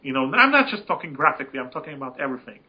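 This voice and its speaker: A man's voice: on the high side, very animated, very fast, husky, lo-fi sound. A man co-hosting a casual gaming podcast, rambling and emphatic, and swearing freely as he talks. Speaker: podcast co-host.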